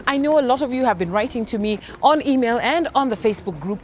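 Woman host chatting fitness tips while walking outside, bouncy pitch, kinda high, upbeat. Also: lively intonation, fast, a little hiss or hum. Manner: upbeat, instructive, laughs easily. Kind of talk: coaching chat while walking. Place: outdoors on a leafy suburban street.

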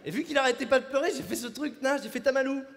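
A young man from France performing a stand-up comedy set on a festival stage, acting out characters with quick changes of voice. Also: extremely high pitch, creaky, a bit bright. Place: comedy festival stage before a live audience. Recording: reverberant hall with faint audience ambience.

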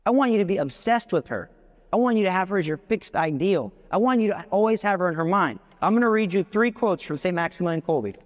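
A man's voice: high voice, animated, quick pace. A man giving a live devotional talk to an audience. He is passionate and emphatic, with big swings in his voice and joking asides. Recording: long hall reverb.

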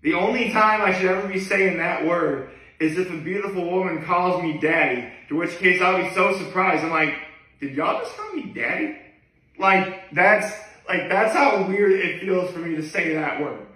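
Guy in his 30s doing a rambly vlog, kinda high bright voice, super echoey room. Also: normal speed. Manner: hesitant, digressive, often backtracking. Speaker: daily video blogger. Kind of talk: casual rambling vlog to camera. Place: living room, indoors. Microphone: camera a few feet away. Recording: echoey room, distant microphone.

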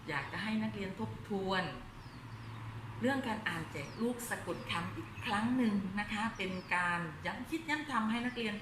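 A woman teacher addressing her pupils in a gentle, reminding way, giving a lesson. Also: medium pitch, a little fast. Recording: echoey room with clear background noise.

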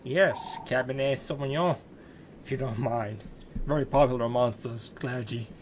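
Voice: medium pitch, normal speed, slight background noise, lightly acted. An actor with a British accent playing a mild, wry vicar who has given up on religion for the free wine. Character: disillusioned boozy male vicar.

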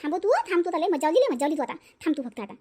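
A woman's voice: sits high, big pitch swings, rapid-fire, mellow. A woman voicing a quarrelsome older mother-in-law in a cartoon, scolding and grumbling. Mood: angry.

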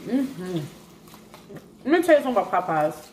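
A woman's voice: mid-range voice, sing-song, a little fast, a little mellow. A woman casually reviewing food, chatting while she talks with her mouth full. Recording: echoey room, faint background noise.

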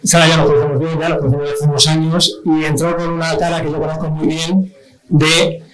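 A man moderating a science outreach event, telling a story in an animated way, acting out quoted dialogue and repeating words for emphasis. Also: a little high, a little fast, rough recording. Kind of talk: live presentation, anecdotal storytelling.

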